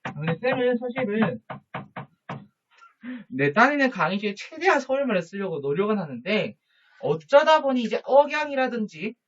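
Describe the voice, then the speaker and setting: A man teaching a high school social studies lesson in a casual, rambling way, with a Daegu Gyeongsang accent. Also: very animated, normal speed, dull audio. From Daegu, South Korea. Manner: chatty, rambling, addresses students informally. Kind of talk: casual online lecture.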